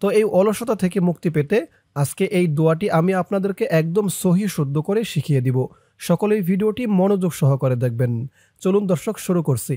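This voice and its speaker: A man's voice: high voice, expressive, brisk, mellow, dry recording, studio quality. A man teaching viewers to pronounce a prayer, patiently repeating each syllable for them to follow. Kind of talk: spelling-out lesson of a prayer.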